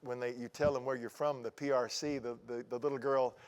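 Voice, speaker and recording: A man's voice: mid-range voice, steady tone, a little fast, clean tone, dull audio. A middle-aged man interviewing guests on a TV studio set, rambling through his questions with frequent restarts. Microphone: lapel mic.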